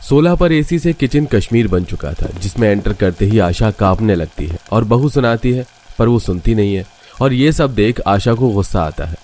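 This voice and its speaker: A man narrating a cartoon story in a steady, scripted storytelling voice. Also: on the low side, moderate pace, slight background noise.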